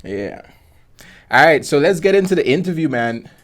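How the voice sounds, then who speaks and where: Very animated and on the high side, a Guyanese man's voice carries his podcast at normal speed. As host, he keeps the interview chat easygoing and conversational, sprinkled with informal slang.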